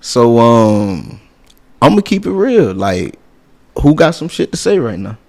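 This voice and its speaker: A man from Miami, hosting a podcast and steering the talk with relaxed questions. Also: medium pitch, measured pace, creaky. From Miami, Florida. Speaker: podcast host. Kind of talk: casual podcast chat.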